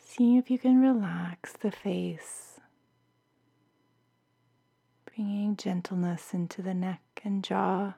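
Slow, soft woman narrating sleep meditation. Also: mid-range voice, steady tone. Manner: soft, soothing, breathy near-whisper like a sleep story narrator. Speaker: meditation guide.

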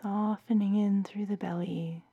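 A woman guiding a bedtime meditation in a soft, soothing, half-whispered voice, like a sleep story narrator. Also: medium pitch, fairly even intonation, unhurried, gravelly, husky, phone-quality sound. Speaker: meditation guide.

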